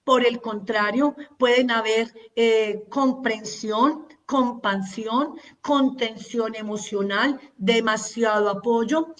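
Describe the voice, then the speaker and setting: A woman leads a parenting masterclass in a slow, deliberate teaching voice, pitched a little high. She is earnest and repeats words for emphasis as she runs through long lists. Her voice sounds distant from the microphone. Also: steady tone.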